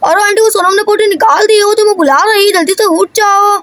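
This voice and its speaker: A woman's voice: extremely high pitch, fast, fairly bright tone. A woman voicing a cheeky young village boy in a cartoon, teasing and chatty.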